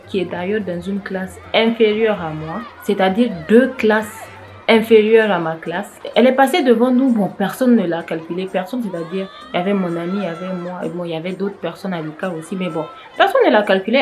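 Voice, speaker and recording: A woman's voice: mid-range voice, a little mellow. A tired young woman telling a personal story in a casual vlog, rambling, with frequent restarts and self-corrections.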